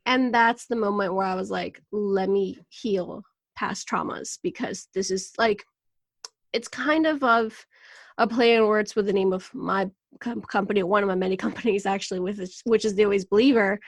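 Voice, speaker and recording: A woman's voice: medium pitch, normal speed, no echo. A woman in her thirties from Venezuela, a podcast guest talking candidly and with lots of laughter about her life story. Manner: candid, animated, laughs often. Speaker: podcast guest, wellness coach. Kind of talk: casual interview talk.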